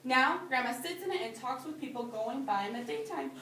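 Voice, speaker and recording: A preschool or early-grade teacher reads a storybook aloud to young children in an indoor room, talking it over patiently and simply and repeating their answers back. Her high voice is expressive, fairly quick and fairly bright. It was recorded as a roomy, noisy phone video from a distance by a phone or camera.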